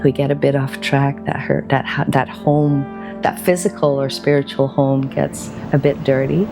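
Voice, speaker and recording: A woman in her forties from Belgium, a wellbeing practitioner speaking slowly and gently in a reflective documentary voice-over, with pauses between thoughts. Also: very deep voice, little pitch movement. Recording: voice-over with music underneath. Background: music.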